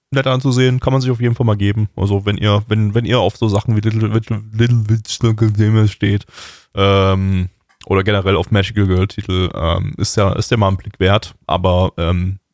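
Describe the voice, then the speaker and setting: Man, podcast co-host, low voice, dry mic, rambling casual chat. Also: fairly even intonation, moderate pace, darkish tone, no room sound. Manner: rambling, many fillers and restarts.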